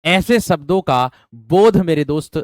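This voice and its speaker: A fairly high-pitched, expressive man speaks a little slowly while running an online exam-prep class. He calls students "my friend," repeats questions as drills, and asks for thumbs up, with no room sound.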